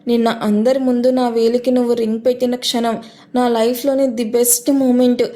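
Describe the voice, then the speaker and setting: A bubbly, bossy young woman who loves to tease her fiancé, as a woman narrator puts her on. Her voice sits high and bright, with a playful push. Told as a spoken romance story. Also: flat delivery, fairly quick, natural voice. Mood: tender.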